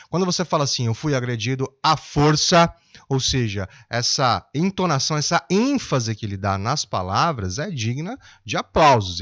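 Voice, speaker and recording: A man speaks as a behavior analyst, calm and methodical, pausing to explain each point. His pitch rises and falls with lively emphasis. The voice sounds dry and close, with slightly muffled, lo-fi highs. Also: dry recording. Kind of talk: commentary on video clips.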